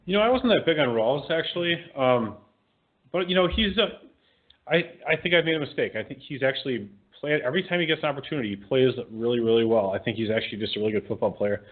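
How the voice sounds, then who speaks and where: A man co-hosting a podcast in casual chat, giving quick, chatty opinions and correcting himself as he goes. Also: medium pitch. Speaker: podcast co-host. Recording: phone-like narrow sound.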